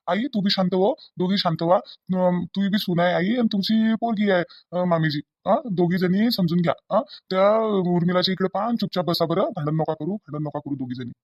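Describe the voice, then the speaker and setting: A man voicing a young village husband and son-in-law in a cartoon, with a Varhadi Marathi accent, pleading for calm. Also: high voice, a little fast, dry recording, dull audio. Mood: placating. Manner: pleading, placating.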